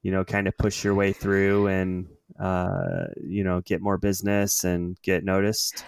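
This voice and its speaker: A podcast host with a low, gravelly voice asks questions in a casual interview, friendly and full of yeahs and hesitations, before reading a scripted outro. He speaks a little slowly with little pitch movement, over a slight hiss or hum.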